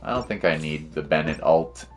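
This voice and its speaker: This game streamer's voice is extremely low and his speed normal. He offers laid-back, slangy commentary on his gameplay to livestream viewers, thinking out loud, with the game's music in the background.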